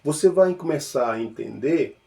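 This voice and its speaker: A man with a Mineiro Brazilian accent giving an informal spiritual teaching, playful and animated, shifting between loud exclamations and soft murmured repetitions. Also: on the high side, moderate pace, gravelly. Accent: Mineiro Brazilian Portuguese. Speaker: spiritual speaker.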